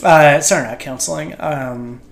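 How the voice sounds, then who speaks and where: A man's voice: on the high side, moderate pace, vocal fry. A Canadian man co-hosting a casual podcast with friends, teasing and laughing often. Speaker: podcast co-host. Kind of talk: casual chat.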